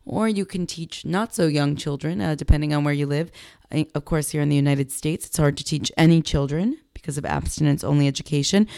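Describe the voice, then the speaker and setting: A young woman with a low, gravelly voice hosts her own podcast, chatting in a loose, self-joking way. She talks into a headset mic, and the sound is close and dry with no room around it. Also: a little mellow, no room sound. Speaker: podcast host and sex educator. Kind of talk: unscripted solo podcast chat. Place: home studio in a big US city.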